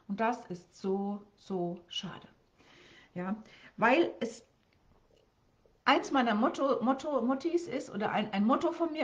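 A woman with a fairly high voice talks viewers through their life goals on a live stream. She coaches by asking question after question, often repeating words and starting sentences over. The sound is dull and lo-fi.

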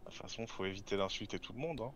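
A man's voice: lowish voice, fast, slight background noise, natural voice. A man playing a helpful newsroom colleague who explains things plainly and matter-of-factly in casual role-play.

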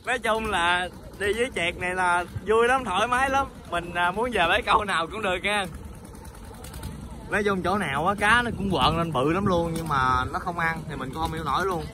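This man's high voice moves a little fast as he narrates a fishing vlog from a wooden boat on the river, his southern Vietnamese Mekong Delta accent clear. He's easygoing and chatty, with bursts of excitement, and outdoor river sounds are audible.

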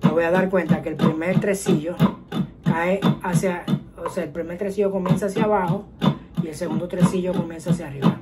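Low-voiced woman teaching guitar rhythm. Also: fairly even intonation, fairly quick, rough recording. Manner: patient, explains step by step, counts rhythms aloud. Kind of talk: casual music lesson. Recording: guitar and metronome playing behind. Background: guitar playing and metronome clicks.

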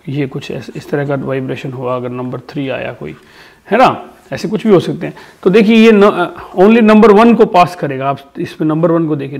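A man's voice: a little high, vocal fry, a little mellow. A man teaching a physics lesson, explaining step by step, repeating key terms and answering his own questions. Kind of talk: classroom lecture.

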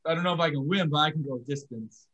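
A man's voice: a little high, a bit bright, lo-fi sound, close to an everyday voice. An improv performer playing a nervous, mumbling boxer who stammers and stumbles over his words in a comedy scene. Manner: stammering, halting.

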